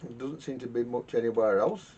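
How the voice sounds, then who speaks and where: In a garage workshop, a vintage radio repairer talks casually through his hands-on work for a video, his mellow voice halting as he mutters to himself and repeats words. Everything sounds muffled and lo-fi, with a rumble underneath.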